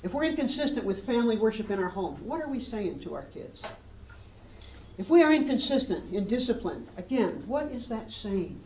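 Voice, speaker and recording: A man's voice: high-pitched, very animated, normal speed, darkish tone, muffled recording, slight background noise. A man preaching a sermon as pastor, in an earnest way, with emphatic rising questions, recorded from a distance in a church hall.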